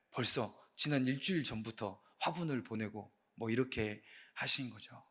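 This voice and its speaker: Playful, chatty Korean man preaching. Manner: chatty and playful, asks the congregation questions; lively swings in pitch and loudness for emphasis. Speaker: associate pastor. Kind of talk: casual sermon at a Friday night prayer meeting. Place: church sanctuary.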